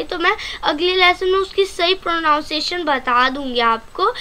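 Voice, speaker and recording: A woman with a Pakistani Urdu accent teaching an online language lesson, slowly repeating each vocabulary word and calling her viewers friends. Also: sits high, pushed and bright. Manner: slow, careful repetition of vocabulary.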